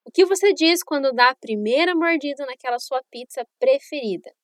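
An upbeat woman with a high voice, an English teacher and podcast host living in New Zealand, runs a bilingual language lesson podcast. She clearly models phrases for listeners to repeat, speaking expressively and a little fast. The recording is dry and studio-clean.

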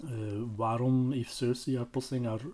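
A man's voice: mid-range voice, little pitch movement, moderate pace, darkish tone. A man casually retelling a book as a podcast host, hesitant and full of fillers. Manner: hesitant, many fillers, chatty.

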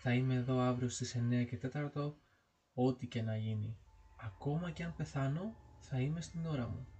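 A man voicing an impatient young female artist's model in a Greek audiobook ghost story, speaking briskly and insistently. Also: mid-range voice, warm tone, dull audio, slight background noise, lightly acted.

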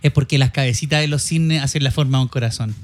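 A man's voice: medium pitch, quick pace, no echo, faint music behind. A Chilean man co-hosting a podcast, chatting and joking loosely with plenty of slang. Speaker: podcast co-host. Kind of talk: casual chat.

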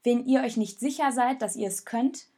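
A woman voicing a young girl who urgently pleads with her friends to hold together, in a storybook reading with a breathy voice. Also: on the high side, moderate pace, mellow, voice pushed up. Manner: urgent, pleading then firm. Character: girl named Rosa, young, determined peacemaker.

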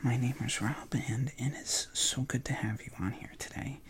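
A man leading a guided contemplative prayer session, talking softly in a hushed whisper with long pauses and relaxed, informal asides. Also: mid-range voice, slightly rough. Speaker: prayer leader.

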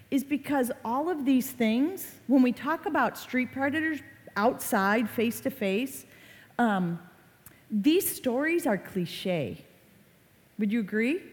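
A woman in her forties speaks to an audience of parents and children, lively and conversational as she acts out little family scenes. Her voice sits a touch high. A long reverb trails behind her, as in a big hall. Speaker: child safety presenter. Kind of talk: live presentation to parents and kids.

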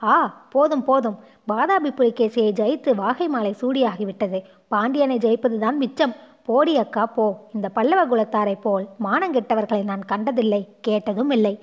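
A woman's voice: fairly high pitch, normal speed, muffled recording, close to an everyday voice. A woman voicing a proud, emotional young woman dancer in a storybook reading, speaking with impassioned feeling. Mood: indignant. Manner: impassioned, stammering at times.

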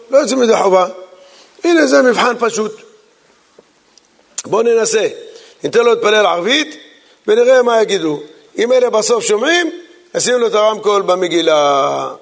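Rabbi teaching a law class, high gravelly voice, big echoey hall, acts out the folks in his stories.

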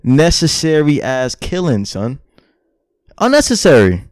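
A man in casual podcast chat, animated and slangy, swearing and often tacking "son" onto his lines. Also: on the high side, measured pace, no echo, clean studio sound.

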